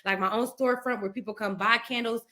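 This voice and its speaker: A middle-aged woman from Ohio, a podcast guest, telling an emotional personal story and acting out the quoted dialogue in lively voices. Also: fairly high pitch, quick pace. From Ohio, USA. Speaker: podcast guest, speaker and author.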